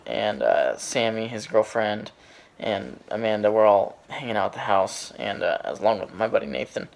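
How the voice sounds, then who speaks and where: A man in his twenties casually telling a story to his vlog audience, rambling with lots of fillers and restarts. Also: lowish voice. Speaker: vlogger.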